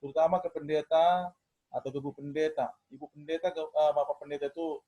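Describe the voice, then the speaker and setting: A middle-aged man, a pastor, telling a lively story to young people on a video call and acting out the dialogue. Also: on the high side, fast, breathy edge. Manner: animated storyteller, acts out dialogue. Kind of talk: storytelling in an online youth meeting. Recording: dull lo-fi video call audio.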